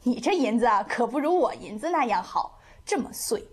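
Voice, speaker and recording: A woman storyteller voicing a merry, teasing eccentric male monk who mocks people and sings slow folk ditties. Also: fairly high pitch, sing-song, husky. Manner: playful, mocking, sings a slow folk ditty.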